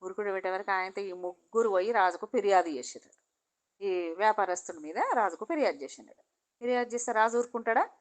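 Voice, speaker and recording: A woman's voice: medium pitch, fast talker. A woman with a Telangana accent telling a folk tale in a chatty, repetitive oral style. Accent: Telangana Telugu. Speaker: storyteller.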